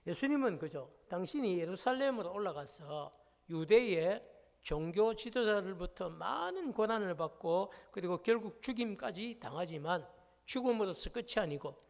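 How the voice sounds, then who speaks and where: A man's voice: high-pitched, animated, moderate pace, vocal fry. A male pastor preaching a sermon, emphatic and full of rhetorical questions to the congregation. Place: church sanctuary. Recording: long reverb of a church hall.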